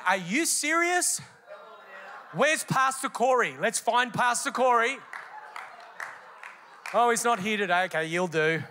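A man preaching a sermon in a high, bright voice. He is emphatic and builds rhythm by repeating his phrases. The tone is forceful throughout. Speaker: pastor.

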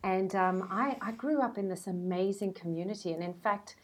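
Speaking at a moderate pace in a medium-pitched voice, this brand strategist in her forties is a guest on a podcast. She has a South African accent and chats easily, telling stories throughout the interview.

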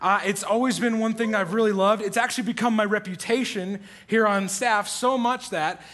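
Bright, high-voiced young man joking with a congregation. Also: steady tone, normal speed. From Iowa, USA. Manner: playful, self-deprecating, laughs often. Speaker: church pastoral resident. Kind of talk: humorous self-introduction to a congregation. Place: church stage before a congregation.

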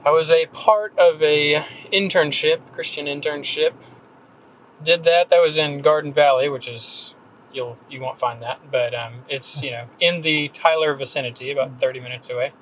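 A man's voice: fairly high pitch, moderate pace, a bit bright, slight background noise, poor audio. A man in his thirties from North Carolina, a podcast guest talking casually with many ums and restarts. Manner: hesitant, rambling, frequent ums and restarts. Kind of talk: casual conversational interview.

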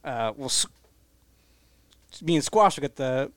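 A man's voice: medium pitch, expressive, measured pace, slight background noise, natural voice. A man voicing a simple-minded, stubborn male goblin in a tabletop game. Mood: insistent.

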